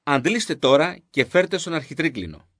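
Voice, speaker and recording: A calm, authoritative male teacher speaks in measured, solemn tones, read by a man with a fairly high, lively voice. The delivery is a dry, close scripted Bible reading. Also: no room sound.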